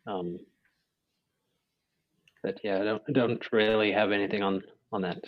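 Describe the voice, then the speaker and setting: A man's voice: on the low side, fairly even intonation, measured pace. A man on a casual podcast panel, talking hesitantly with many ums. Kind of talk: casual group chat. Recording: dull lo-fi audio.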